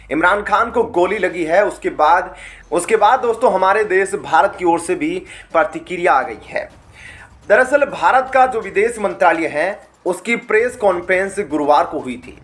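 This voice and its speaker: A man's voice: high-pitched, fairly bright tone. A man narrating news commentary in an emphatic, dramatic style, often addressing his viewers as friends.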